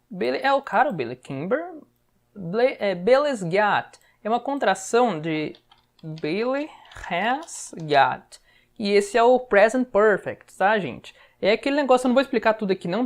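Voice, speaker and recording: A woman with a Brazilian Portuguese accent teaching English casually, thinking aloud and tagging her sentences with quick check-ins. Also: mid-range voice, darkish tone. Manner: chatty, thinks aloud, frequent "tá?" tags. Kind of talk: casual online language lesson.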